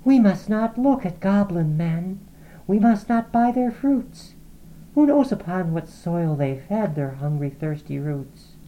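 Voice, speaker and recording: A woman's voice: on the low side, lively intonation, unhurried, warm tone, voice pushed up, poor audio. A woman voicing a curious young girl in an urgent, wondering way. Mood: cautioning.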